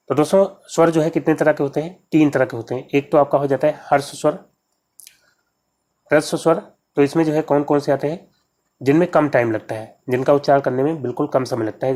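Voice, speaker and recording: A man with a fairly high, darkish voice explains quiz answers, walking through each exam question step by step. He often repeats key words and addresses his viewers as friends.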